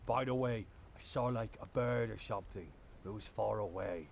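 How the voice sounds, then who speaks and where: A man's voice: lowish voice, normal speed, creaky. A man chatting casually and playfully as a player in a tabletop role-playing game. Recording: background noise, room ambience.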